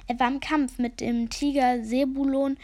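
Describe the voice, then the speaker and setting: A woman voicing a gloomy, self-important old male raven sage with a croaking voice and a grave, solemn way of speaking. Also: high-pitched, level tone, normal speed, warm tone, voice pushed up, natural voice. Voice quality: croaking, rasping.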